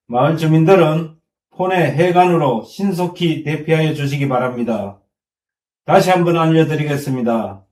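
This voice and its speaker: Village head, male, slow, repeated evacuation call over a distant village loudspeaker, voice sits a little high. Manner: slow, measured, repeats the message. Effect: village loudspeaker broadcast. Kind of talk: emergency evacuation announcement. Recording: echoey loudspeaker heard from far off.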